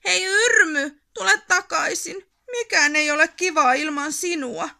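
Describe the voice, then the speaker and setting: A woman voicing a grumpy troll in a storybook, growling and shouting. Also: a little high, very animated. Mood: pleading. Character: grumpy troll, loud and snarling, grumbling. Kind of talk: storybook reading.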